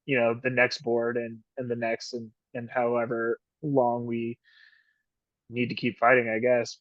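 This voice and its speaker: A man's voice: mid-range voice, no echo. A man and ski patroller in a casual interview, rambling with many fillers and frequent laughs. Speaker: ski patroller and union officer. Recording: dull dry lo-fi call audio.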